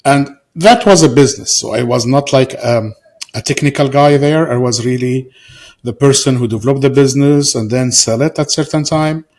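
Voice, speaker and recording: A middle-aged man from Syria, a guest author answering interview questions in a halting way, with many fillers and restarts. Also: mid-range voice, darkish tone.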